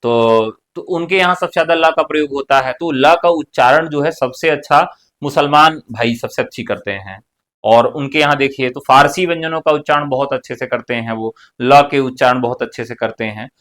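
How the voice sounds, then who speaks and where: A man teaching an exam-prep class, walking through questions one at a time. He asks a question aloud, then answers it himself in a relaxed, talkative way, sometimes with a casual joke. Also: mid-range voice, moderate pace. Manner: casual joking asides. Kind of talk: online exam-prep lecture.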